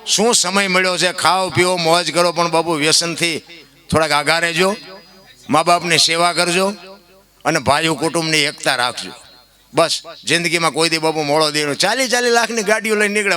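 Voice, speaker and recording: Man, devotional folk sermon, rousing, high-pitched, faint music behind. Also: moderate pace, bright, forceful tone. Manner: rousing, swells to high impassioned cries. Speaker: folk preacher.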